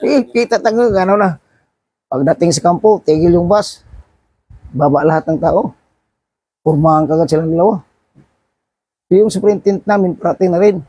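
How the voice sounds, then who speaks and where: A middle-aged man, telling an animated work anecdote casually and acting out the shouts, with frequent restarts. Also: high-pitched, normal speed, long pauses, breathy edge, dry recording. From Philippines. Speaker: seafarer vlogger. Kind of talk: casual storytelling.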